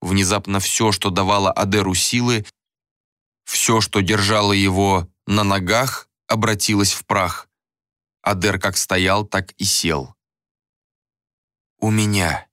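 A man reads a fantasy novel aloud in a low, measured voice with dramatic weight. The recording is close and dry, with no room around him. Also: steady tone, a bit bright, no echo. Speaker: audiobook narrator. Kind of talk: scripted narration.

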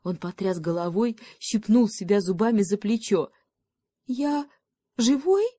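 Woman calmly narrating a storybook. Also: medium pitch, normal speed, no room sound, studio quality.

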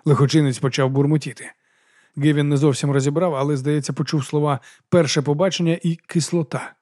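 Brief: male narrator for an audiobook, somewhat high voice, steady, dry booth sound. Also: fast, no echo. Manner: steady storytelling delivery. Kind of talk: scripted narration.

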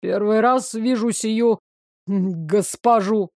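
A woman voicing a grumpy grey-haired old male shopkeeper who speaks low, curt and grudging. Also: slow pace, a little mellow, no echo, clean studio sound.

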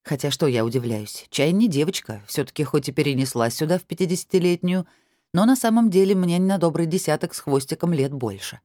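Female audiobook reader, first-person narration, ironic edge, warm mellow voice, dry studio sound. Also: low voice, animated, brisk, no echo. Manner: wry, ironic storytelling.

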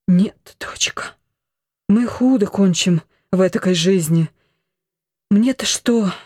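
A woman reading an audiobook, voicing a weary old noble mother who slowly laments her family's troubles. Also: medium pitch, darkish tone, breathy edge, no echo, studio quality. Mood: lamenting. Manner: mournful, slow complaining.

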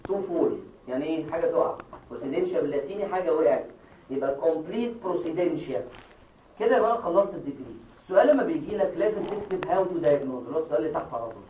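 Fast-talking Egyptian lecturer in an echoey hall. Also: male voice, a little high, lively intonation, mellow, far from the mic, slight background noise. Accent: Egyptian Arabic. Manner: explains step by step, quizzing students with quick questions. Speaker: medical lecturer. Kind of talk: classroom lecture. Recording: echoey hall, taped from afar.

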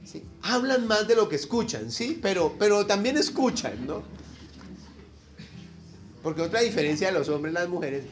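Lively, high-voiced preacher. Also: male voice, normal speed, pauses often, faint music behind. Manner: animated, jokey preaching with sudden outbursts and laughter; talks to the congregation with tag questions. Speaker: pastor. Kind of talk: Mother's Day sermon.

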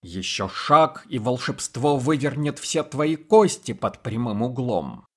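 Sly boastful rogue, commanding shouts, storybook hero, voiced by a man reading. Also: mid-range voice, very animated, slow pace, husky, full character voice.

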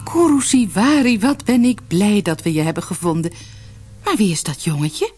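A woman's voice: very animated, normal speed, a little mellow, faint music behind, close to an everyday voice. A woman voicing a worried mother calling for her young son in a read-aloud fairy tale. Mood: anxious calling. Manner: calling out, high and urgent. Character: worried loving mother of a small boy.

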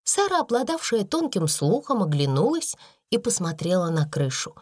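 Woman, audiobook narrator, expressive storytelling, very lively pitch, dry close sound. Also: normal speed, no echo. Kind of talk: scripted narration.

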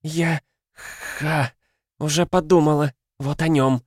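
A man voicing an exhausted young female hunter in an audiobook, hoarse and blunt. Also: mid-range voice, normal speed, dry recording, studio quality, pitched above the performer's own voice, close to an everyday voice. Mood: weary defiant. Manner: blunt, scornful. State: hoarse, worn out.

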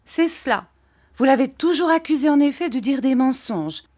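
A woman voicing a childish, petulant young wife who whines in a high, sobbing voice in an audiobook reading. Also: animated, normal speed, darkish tone.

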